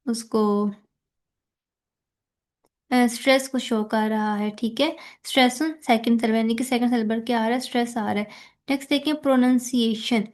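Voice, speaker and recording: Pakistani-accented female lecturer, slightly high voice, patient step-by-step explanations with English terms mixed in. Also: a little mellow. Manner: explains step by step, mixing English terms, often checks "theek hai". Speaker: teacher. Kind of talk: recorded lecture explaining slides.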